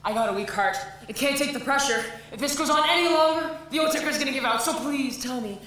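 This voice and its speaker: A student playing a fretful, blustering show producer with a weak heart in a stage musical. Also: female voice, sits high, fast talker, a bit bright. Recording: echoey auditorium from far off.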